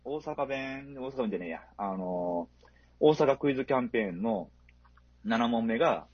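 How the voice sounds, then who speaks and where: A man's voice: medium pitch, animated, normal speed, no echo, lo-fi sound. A man talking casually about a film as a podcast co-host, hesitant and full of fillers.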